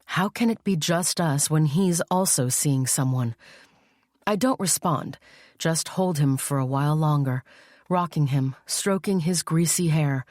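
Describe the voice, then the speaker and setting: Woman, audiobook narrator, first-person thriller, low voice, dry studio sound. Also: darkish tone, no echo.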